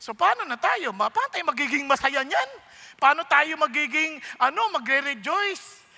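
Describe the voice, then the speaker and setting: A man preaching a sermon in a church hall, animated and playful, telling stories and joking asides. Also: very high voice, normal speed, gravelly. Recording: long reverb of a large hall.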